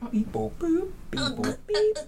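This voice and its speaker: A podcast host voicing a little beeping robot in a comedic fake movie trailer, chirping beeps in a high sing-song. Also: big pitch swings, measured pace, creaky, mellow, slight background noise, exaggerated voice. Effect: squeaky electronic robot beeping.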